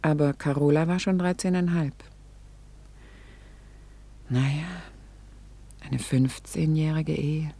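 An actress plays a reflective, vain, self-reproaching middle-aged wife confessing her memories in an intimate German radio play monologue. Her deep, dark, steady and exaggerated voice is hesitant and confiding, with dramatic pauses and breathy near-whispers. The mood is wistful and reflective.

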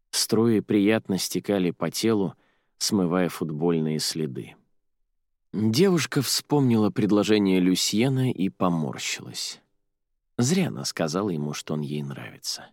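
Male narrator for young-adult fiction, expressive, low, dry booth. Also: no echo. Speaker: audiobook narrator. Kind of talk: storybook narration.

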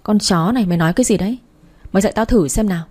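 A woman's voice: medium pitch, racing, darkish tone, natural voice. A woman voicing a rude, arrogant young male taxi driver who hurls insults and threats in a read-aloud story. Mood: insulting.

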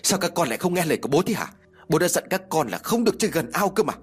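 A man's voice: on the low side, big pitch swings, fast talker, breathy edge, pitched below the performer's own voice. A man voicing a worried young father who scolds his sons in a weary way. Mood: scolding.

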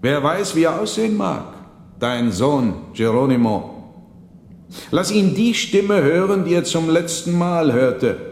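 A man's voice: fairly high pitch, lively intonation, unhurried, a little mellow, voice pushed up. A man doing a solemn, commanding stranger monk. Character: mysterious male Franciscan monk, solemn and commanding. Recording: roomy with long reverb, faint noise.

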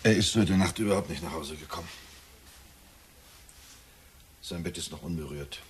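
In a German radio drama, an actor with a deep, slightly mellow, natural voice plays an anxious, evasive middle-aged husband and father. He talks fast, hesitant and confessional, in an uneasy mood, with slight background noise.

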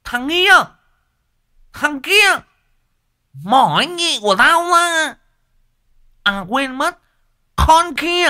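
Male narrator as a screeching jealous woman chasing a rival, very high and loud, bright edge. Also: sing-song, very slow, long pauses, full character voice. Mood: furious screeching. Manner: screeching, furious, cursing. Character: shrieking jealous woman brandishing a hammer.

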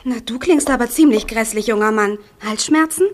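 A woman playing a bossy but caring hospital nurse in an audio drama, brisk and directive. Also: fairly high pitch, close to an everyday voice. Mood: brisk, concerned.

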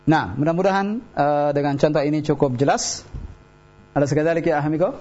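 A man teaching Arabic on a radio lesson, slowly modelling pronunciation and explaining in a measured way. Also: fairly high pitch, a little mellow. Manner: slow, deliberate model pronunciation. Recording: dull lo-fi radio broadcast.

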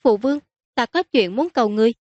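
A woman voicing a spirited young princess, pleading with her father in a high, wheedling voice. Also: expressive, quick pace, a little mellow, no echo, lo-fi sound, close to an everyday voice.

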